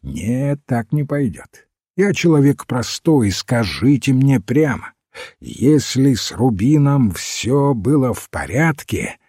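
A man's voice: mid-range voice, sing-song, slow pace, darkish tone, dry recording, clean studio sound, full character voice. A man voicing an impatient, blunt police detective who demands plain answers, in a storybook reading. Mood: grumbling. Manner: gruff, pressing for plain answers.

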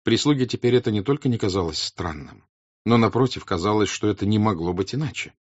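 A man reads a novel aloud in a low, husky voice. His intonation rises and falls with lively expression. The recording is dry and slightly dull. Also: fast. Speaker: audiobook narrator. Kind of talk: scripted literary narration.

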